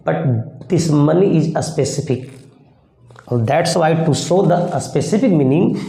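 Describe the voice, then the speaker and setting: Male English teacher with an Indian accent, gravelly and mellow, slow, walking through grammar answers in an echoey room. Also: on the high side, lively intonation. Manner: slow, step-by-step explaining with repeated questions. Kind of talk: grammar lesson.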